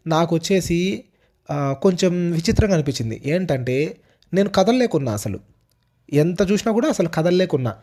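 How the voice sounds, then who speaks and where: A man's voice: fairly high pitch, dark tone. A young man narrating a personal ghost story in a casual, repetitive way with small restarts. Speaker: storyteller host.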